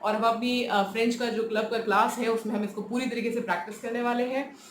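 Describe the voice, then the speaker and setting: A woman's voice: on the high side, fairly even intonation, brisk. A woman teaching a beginner French lesson online, explaining patiently, mixing in English phrases and often checking with "right?". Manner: mixes English phrases into her speech. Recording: echoey room with faint ambient noise.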